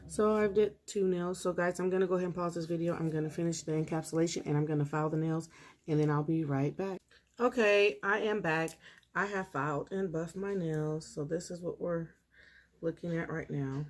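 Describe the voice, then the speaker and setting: Relaxed woman in a home nail tutorial, lowish voice, chatty pace. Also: brisk. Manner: relaxed, chatty, talks while working. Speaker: nail art vlogger. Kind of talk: casual tutorial chat.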